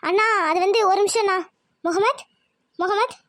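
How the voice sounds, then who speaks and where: A woman's voice: extremely high pitch, moderate pace, no echo, clean studio sound, pitched below the performer's own voice. A woman voicing a desperate young daughter in a cartoon, begging her family tearfully. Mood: pleading.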